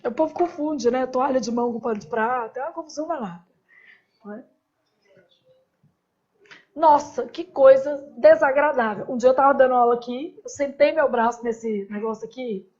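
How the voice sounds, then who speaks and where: A woman's voice: on the high side, quick pace, darkish tone, dull audio. A woman teaching a grammar class in a casual, chatty way, with joking asides and constant "né?" tags.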